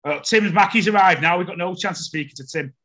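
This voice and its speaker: A man's voice: sits high, fast talker, bright, forceful tone. A man hosting a casual podcast chat, telling stories in a chatty way and repeating words as he starts them. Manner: chatty storyteller, stammers when starting a story. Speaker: podcast host.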